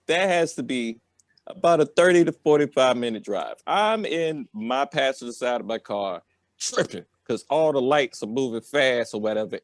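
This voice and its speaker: An American man rambles through a personal story in a casual, comedic, slangy way, constantly tacking on filler phrases. His voice is mid-range, and the recording is dry and studio quality.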